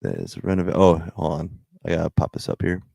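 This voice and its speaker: A man with an extremely low voice and a gravelly fry, talking on a livestream. He rambles casually in loose slang and swears freely, and the sound is dry and close. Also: very animated, quick pace, warm tone, no echo. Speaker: livestream host chatting with viewers.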